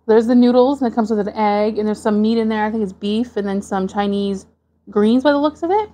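Unpacking dish after dish for her mukbang video, a woman from Canada chats in a casual way and gets excited about every one. She speaks briskly in a medium pitch.

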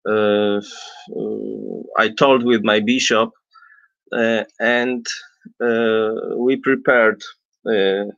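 A middle-aged man, a non-native English speaker, giving an unscripted explanatory talk as a priest, haltingly searching for words and often clearing his throat. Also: lowish voice, a bit bright, no room sound. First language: not English. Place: small indoor room with bookshelves. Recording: dull lo-fi webcam audio.

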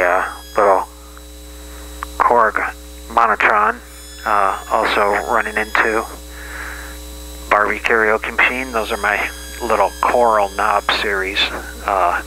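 Guy talking thru an old carbon phone mic into a toy speaker, gritty, drawls along real slow w/ lots of uhs. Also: lowish voice, vocal fry, bright, forceful tone, slight background noise, low-quality recording. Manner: slow and halting with many fillers. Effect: voice played through an old carbon telephone microphone and a toy speaker. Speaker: hobbyist demonstrating a modified toy. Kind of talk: casual demo talk.

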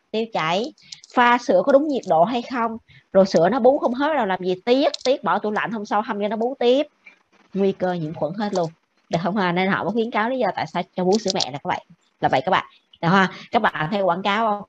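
A woman teaches a class at a rapid clip, pausing again and again to ask whether her students follow. Her voice sits mid-range for a woman. The recording is dull and lo-fi, with a faint hiss underneath. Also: medium pitch, lively intonation. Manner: brisk, keeps checking with the class. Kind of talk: classroom lecture.

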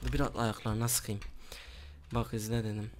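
A man's voice: lowish voice, moderate pace, noisy background. A man commentating his online shooter game for viewers, teasing an opponent and reading out what he types. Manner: excited, teasing, talks to viewers while typing chat. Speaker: gaming YouTuber. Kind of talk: casual gameplay commentary.

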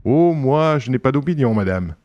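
A man voicing a smooth, self-assured gentleman sleuth. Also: medium pitch, moderate pace, no room sound, highs cut off, pitched above the performer's own voice, natural voice. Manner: calm, lecturing, slightly dogmatic. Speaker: reader voicing a character. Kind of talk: audiobook character reading.

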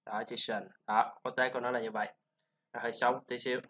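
A man with a Vietnamese accent teaching English pronunciation, drilling sounds and syllables slowly with chatty asides. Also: medium pitch, level tone, pushed and bright. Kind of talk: informal pronunciation lesson. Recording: slightly dull lo-fi sound.

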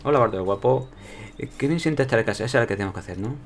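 A man's voice: medium pitch, lively intonation, rapid-fire. A man with a Spain Spanish accent chatting casually to himself and his viewers while playing a video game. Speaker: gameplay commentator. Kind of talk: casual gameplay commentary.

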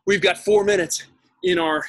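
A man's voice: sits high, steady tone, normal speed. A middle-aged man, an aerobics instructor calling out exercises and counts, urging and encouraging as he exerts himself outdoors. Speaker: fitness instructor leading a boot camp class. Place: outdoors in a backyard garden. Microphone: camera a few metres away.

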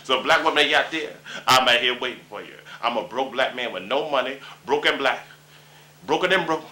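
On a local talk show taped in a small indoor space, a man in his forties from Dayton, Ohio rambles through a bragging comic rant and banter. His medium-pitched voice is pushed and bright at an ordinary pace.

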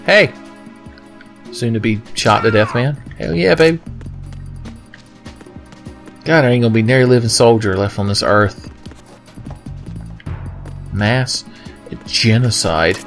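A man's voice: medium pitch, slow, pauses often, over music. A man giving joking, sarcastic commentary as he plays a video game, swearing casually. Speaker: video game let's player.

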